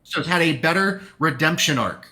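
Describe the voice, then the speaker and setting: A man with a bright, forceful voice chatting casually on a live stream. He gushes and rambles like an excited fan, circling back to his points. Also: on the high side, a little fast. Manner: enthusiastic, rambling fan talk. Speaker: podcast co-host. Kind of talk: casual chat.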